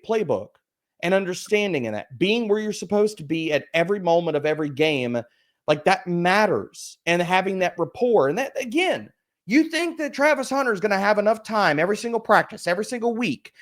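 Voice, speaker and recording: A man in casual podcast chat as a fantasy football analyst, ranting emphatically with profanity and rhetorical questions. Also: high voice.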